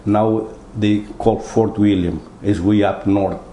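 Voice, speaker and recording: An older man from Portugal with a Portuguese accent, telling his story in an interview in halting, broken English with many repeated words. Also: fairly low pitch, fairly even intonation, dark tone, echoey room, a little hiss or hum, poor audio. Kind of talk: oral history interview.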